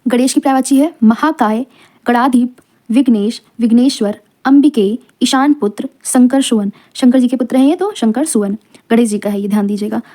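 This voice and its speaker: A woman teaching an exam-prep lesson, reading out long lists of words one by one with quick explanatory asides. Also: a little high, mellow.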